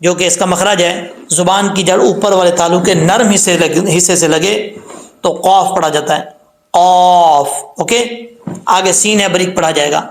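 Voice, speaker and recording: A man with a high voice gives a tajweed lesson in a roomy, echoing space. He explains each letter sound in plain talk, then chants the verse slowly with long, drawn-out vowels, dropping in short checks like "okay" between points. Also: fairly even intonation. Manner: says "ok" and "theek hai" between points. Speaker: Quran recitation teacher.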